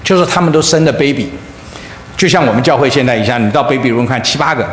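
A man pastor preaching a sermon, telling a story in an animated way that swings from loud highs to soft lows, heard in a church hall. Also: fast talker. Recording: echoey hall, faint room noise.

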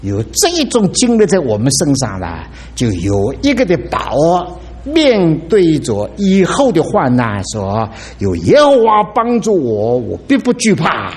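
Middle-aged male pastor, expressive sermon delivery, wide pitch swings, slightly high voice. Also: unhurried. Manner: animated, dramatic exclamations.

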